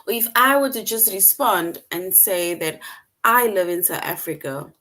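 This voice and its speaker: A woman's voice: medium pitch, expressive, moderate pace, sharp tone. A woman teaching an online English lesson to young children, patient and repetitive, often checking in with "right?".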